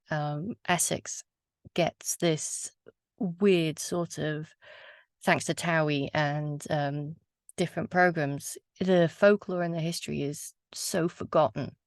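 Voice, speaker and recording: A woman storyteller with a low voice and a gravelly edge, speaking reflectively and a little hesitantly. Her voice sounds dry and close, with no room around it. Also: steady tone, unhurried, dry recording. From Wales. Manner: reflective, earnest, with hesitant fillers. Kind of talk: casual talk and poetry reading.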